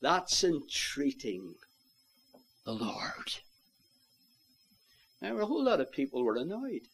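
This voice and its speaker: A man preaching an evangelistic sermon, earnestly pleading with his listeners and rising to loud, impassioned calls. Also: a little high, huge pitch swings, slow pace, slightly rough. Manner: old-fashioned biblical phrasing.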